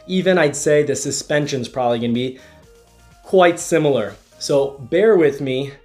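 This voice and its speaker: Sitting in a car and partly driving, a congested-sounding man gives an easygoing, explanatory review of the vehicle. His mid-range voice is a little mellow, and he keeps restarting his sentences with "you know."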